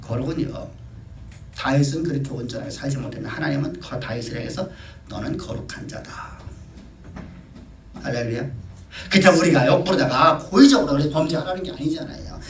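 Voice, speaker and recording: A man preaching a sermon as pastor, swinging between soft and loud delivery. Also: fairly high pitch, fast, reverberant.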